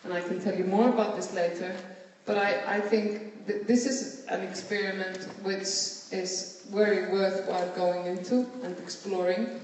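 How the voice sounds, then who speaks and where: A woman's voice: medium pitch, a little mellow, a little hiss or hum. A woman from Iceland, speaking earnestly as a panelist and often repeating words while she thinks. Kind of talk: panel discussion remarks. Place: conference hall. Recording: echoey hall, distant mic.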